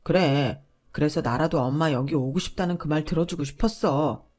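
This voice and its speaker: A woman's voice: sits low, normal speed, darkish tone. A woman voicing a selfish, dismissive husband who argues back defensively.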